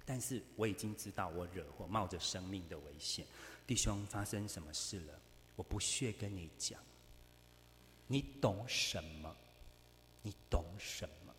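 A man's voice: low-pitched, unhurried, fairly bright tone, big-room sound, a little hiss or hum. A man preaching a sermon, telling a story and acting out both sides of the conversation.

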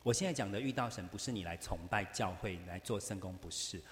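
A man's voice: fairly low pitch, quick pace, a bit bright, in a large hall, a little hiss or hum. A man preaching a sermon, telling a story and acting out both sides of the conversation.

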